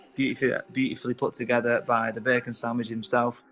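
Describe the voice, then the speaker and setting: A man hosts a casual online audio chat in a level, flat voice. He sounds relaxed and grateful and tends to repeat his words. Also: medium pitch, quick pace. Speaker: host.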